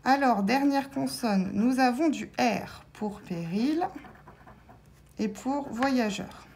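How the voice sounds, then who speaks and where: A woman's voice: on the high side, slow, a little mellow, slight background noise. A woman vlogger commenting casually and hesitantly as she scratches lottery tickets, spelling out letters with many fillers.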